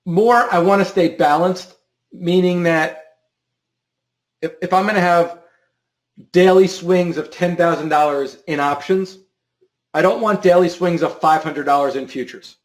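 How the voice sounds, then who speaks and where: His voice sits high and moves a little slowly, with frequent pauses and a roomy sound. The man is an options trading show host on a live stream, rambling through a viewer's question while repeating words and starting sentences over.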